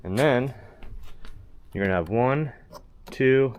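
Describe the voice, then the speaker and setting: This truck DIY install host talks slowly at a medium pitch, working in and around his pickup. His how-to is relaxed and practical, delivered step by step in a plain, matter-of-fact way over constant background noise.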